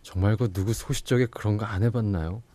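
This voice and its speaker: A man's voice: lowish voice, fairly quick, very noisy. A man narrating a fantasy audio drama in a dramatic, playful scripted style.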